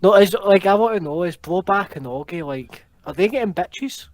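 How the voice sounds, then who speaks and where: A man's voice: sits high, expressive, dry recording. A Scottish man in cheeky, crude banter, co-hosting a gaming stream. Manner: cheeky, crude, quick-joking. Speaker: co-host.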